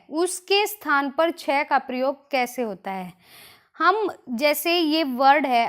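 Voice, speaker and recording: A woman with a Haryanvi accent teaching a grammar lesson for exam preparation, explaining slowly and repeating each example word. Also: high-pitched.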